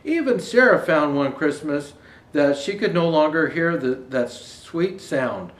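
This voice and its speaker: A man with a slightly high, somewhat slow voice reads a children's Christmas story aloud like a storyteller, tossing in casual asides. He's expressive and lifts his voice for the quoted lines. The recording has a roomy echo and faint background noise.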